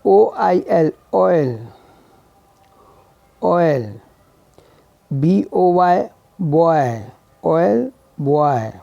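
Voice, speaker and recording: A man teaches English vowel sounds at a very slow, deliberate pace, spelling out each word and saying it again and again. His voice is warm and gravelly. The recording is dry and dull, with a lo-fi sound. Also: a little high, lively intonation, no room sound. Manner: spells words letter by letter and repeats them. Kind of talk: slow spelled-out phonetics lesson.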